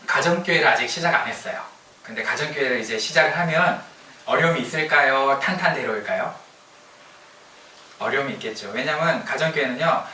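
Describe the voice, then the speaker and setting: A man's voice: mid-range voice, pushed and bright, echoey room, distant mic, a little hiss or hum, rough recording. A male pastor giving a conversational sermon, often asking the congregation questions and acting out prayers. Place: church sanctuary.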